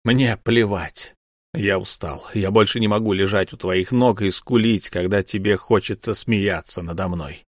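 A male audiobook reader playing a brooding, tormented warrior husband who speaks low and grim. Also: fairly even intonation, unhurried, no echo, studio quality.

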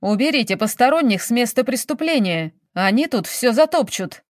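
A woman's voice: medium pitch, expressive, moderate pace, no echo, studio quality, close to an everyday voice. A woman reading a story, voicing a brusque, hot-tempered male police investigator who barks orders and questions. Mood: angry. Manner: barking, then coaxing.

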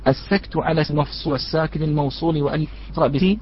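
A man gives a religious lesson on recitation rules, talking with a somewhat high voice. He poses questions to the listeners he calls brothers and then works through the answers. The recording sounds dull and lo-fi. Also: fairly even intonation, rapid-fire, slight background noise. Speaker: Quran recitation teacher.

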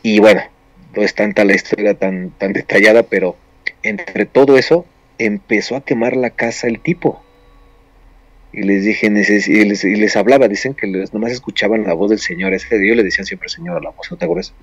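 A man tells a story in a casual, rambling way, full of restarts and fillers. His voice sits on the low side. The sound is dry and close, with no room around it. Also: fairly quick, dry recording, muffled recording. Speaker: storyteller on a paranormal show.

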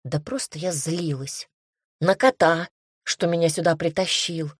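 A woman narrating a storybook in the first person, lively and expressive. Her voice sits somewhat low. The recording is dry and close. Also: unhurried, slightly rough, no echo. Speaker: audiobook narrator.

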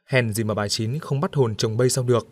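A male narrator gives voice to a stern elderly villager in an audiobook, blunt and reproachful. The voice sits at an ordinary middle pitch with no heavy disguise. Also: fairly quick, no echo, studio quality, close to an everyday voice. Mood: scolding.

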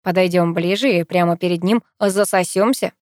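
A woman's voice: on the low side, moderate pace, darkish tone, dry recording, studio quality, lightly acted. Woman doing a cocky, drawling teen boy. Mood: teasing. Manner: lazy, drawling, teasing.

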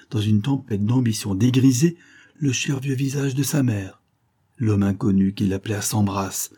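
Low dark-voiced male storyteller. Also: slightly rough. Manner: dramatic, expressive reading. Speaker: narrator. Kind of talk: scripted narration of a short story.

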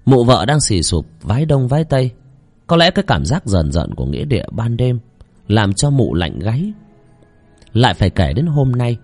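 Dramatic male horror storyteller. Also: fairly low pitch. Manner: dramatic, very expressive intonation.

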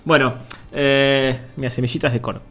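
Argentine guy on a podcast, dry little quips, normal pitch. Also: little pitch movement, moderate pace, fairly bright tone. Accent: Argentine Spanish. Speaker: podcast co-host. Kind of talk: casual chat.

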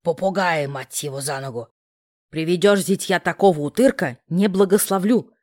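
A woman voicing a bossy, fussing older aunt who grumbles and barks her words in a low voice. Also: normal speed, a little mellow, lightly acted. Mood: grumbling. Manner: grumbling, barking, blunt.

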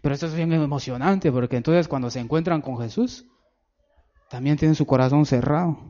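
A preacher with a high voice delivers an emphatic sermon. He draws out stressed phrases and sinks low for asides to his listeners. The recording sounds dull and lo-fi. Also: a little fast, mellow.

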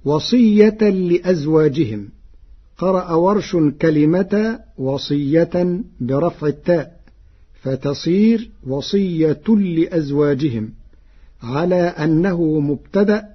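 Egyptian guy explaining quran readings, slow and husky, muffled old radio sound. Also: on the high side. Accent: Egyptian Arabic. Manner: measured scholarly explanation. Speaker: Quran recitation teacher. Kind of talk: explaining Warsh reading variants. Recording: dull lo-fi radio broadcast.

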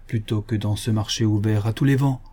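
A man's voice: on the low side, fairly even intonation, brisk, warm tone, close to an everyday voice. A man reading an audiobook, voicing a suave, shrewd detective. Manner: smooth, courteous.

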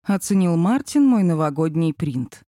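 A woman narrating a novel in the first person with lively, ironic reading on a close mic. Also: on the low side, moderate pace, no room sound. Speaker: audiobook narrator.

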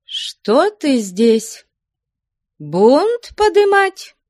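Woman doing a stern, icy young woman, raised pitch, commanding tone. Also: big pitch swings, extremely slow, a little mellow, no echo, clean studio sound, heavily acted.

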